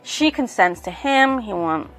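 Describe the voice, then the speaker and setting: A woman's voice: fairly high pitch, lively intonation, unhurried, a bit bright, faint music behind. A woman reviewing a novel in casual chat, rambling with many fillers and swearing freely. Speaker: book reviewer.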